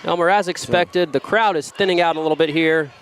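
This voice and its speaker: A man's voice: fairly high pitch, brisk, a faint crowd, a little hiss or hum. Joking local football commentator man. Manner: jokey, rambling banter about food. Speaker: play-by-play commentator. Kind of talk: local high school football broadcast commentary.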